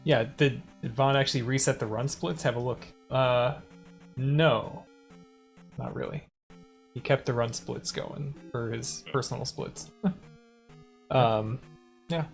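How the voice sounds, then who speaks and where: A man's voice: medium pitch, takes it slowly, vocal fry, long pauses, faint music behind. A man hosting a live race restream, chatting casually and laughing easily. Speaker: restream host. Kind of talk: casual race commentary chat.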